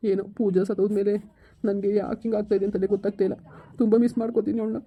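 A woman's voice: medium pitch, level tone, rapid-fire, husky, narrow, tinny audio, close to an everyday voice. A woman playing a young man mourning his dead lover, with a sorrowful, withdrawn manner. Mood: grieving. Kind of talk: village skit acting.

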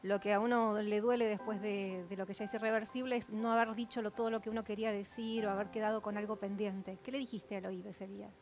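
A woman's voice: medium pitch, level tone, fast talker, few pauses. A woman with an Argentine accent putting personal questions to a guest as a television panelist. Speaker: TV panel interviewer. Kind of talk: interview questioning. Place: TV studio.

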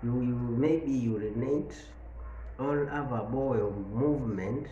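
Kenyan-accented man in his forties, health educator, slow and deliberate, leans hard on each numbered point; roomy echo. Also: medium pitch, warm tone, dull audio. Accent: Kenyan English. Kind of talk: health education talk to camera. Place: small indoor room. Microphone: camera in front, seated. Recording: echoey room with faint background noise.

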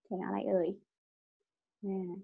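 A woman teaching a language class online speaks a little slowly, and the audio sounds narrow and tinny. She's patient, asking her students questions, working on their pronunciation and ending each phrase with a polite-particle tag question.

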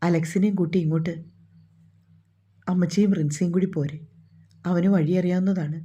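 A woman's voice: lowish voice, steady tone, normal speed, warm tone, husky. A woman voicing a grown man, a teasing husband and firm son, on a dull lo-fi recording. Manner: teasing, firm, matter-of-fact.

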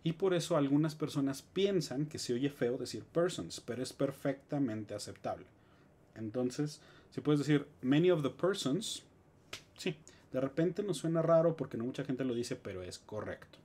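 A man with a Mexican Spanish accent, teaching English grammar in a live stream with lively explanations and joking asides. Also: medium pitch, normal speed, breathy edge.

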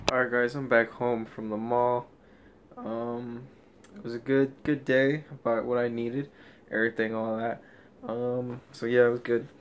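A young man chatting to his vlog audience in a laid-back, slangy way. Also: medium pitch. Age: young adult. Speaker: vlogger. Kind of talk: casual vlog chat. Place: small rooms at home, car. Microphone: phone at arm's length. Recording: faint background noise, phone recording.

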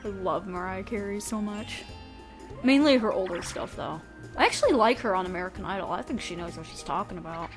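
A woman's voice: medium pitch, animated, brisk. A young adult woman giving rambling, candid let's play commentary, swearing freely as she plays. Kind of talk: casual gameplay commentary. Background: faint video game music.

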